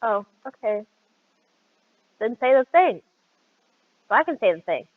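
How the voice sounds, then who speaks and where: A woman co-hosts a podcast in casual chat, trailing off and poking fun at herself. Her voice sits fairly high and sounds dry. It comes through a tinny, phone-like call line. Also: big pitch swings, unhurried, no echo. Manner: rambling, self-deprecating. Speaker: podcast co-host.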